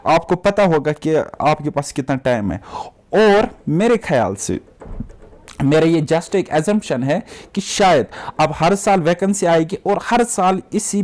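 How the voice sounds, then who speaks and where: A man's voice: on the high side, darkish tone. A man teaching exam preparation, talking straight to his students in a casual, encouraging way, mixing English words into Hindi and checking in often with "okay". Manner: straightforward, repeats "ठीक है" and "okay" as check-ins. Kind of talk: casual direct-to-camera exam update.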